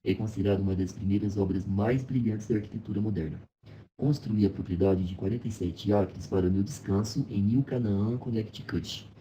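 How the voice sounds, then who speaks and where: Young man doing a reflective modernist architect, very dark mellow tone, lowish voice, brazilian portuguese accent, measured reading. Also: a little hiss or hum, natural voice, rough recording. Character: celebrated male American modernist architect, reflective. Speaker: architecture student. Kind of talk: scripted first-person narration for a class project.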